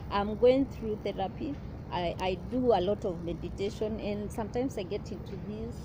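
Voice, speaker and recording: In a personal vlog, a young woman speaks earnestly but haltingly, often restarting her sentences. Her pitch is an ordinary middle range, and clear outdoor traffic noise runs in the background.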